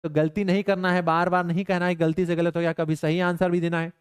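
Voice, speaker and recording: A man's voice: high-pitched, level tone, quick pace, clear, resonant tone, no echo, studio quality. A young man teaching physics in a live online class, mixing stern banter with his students into worked problems. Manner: playful, scolding students in banter.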